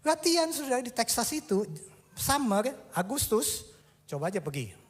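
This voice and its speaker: A man preaching a sermon, telling personal stories and mixing English phrases into his talk, swinging between loud bursts and quiet asides. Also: extremely high pitch, big pitch swings, normal speed, breathy edge. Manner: tells personal stories with acted dialogue.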